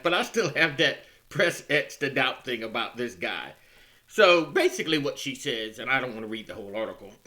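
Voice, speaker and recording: A man hosting a casual news commentary show, musing wryly over odd stories and often clearing his throat. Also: on the high side, sharp tone.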